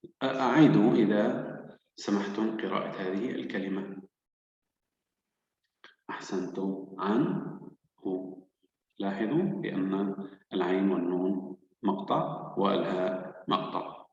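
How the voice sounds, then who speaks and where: A man teaching children to read, sounding out syllables slowly and patiently. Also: low-pitched, darkish tone. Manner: slow, patient, drawn-out syllables. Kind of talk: children's reading lesson. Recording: echoey, dull, hall-like room.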